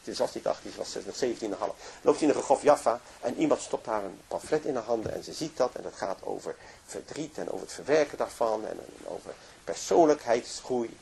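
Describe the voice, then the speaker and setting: A man's voice: mid-range voice, expressive, fairly quick, creaky, darkish tone, slightly rough. A man telling a moving story in a religious lecture, narrating with emotion and frequent restarts. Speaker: religious speaker.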